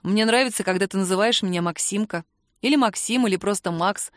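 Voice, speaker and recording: A woman's voice: mid-range voice, fairly quick, dry recording, natural voice. A woman reading the part of an affectionate, teasing young man who drawls sleepily, in a dry close recording.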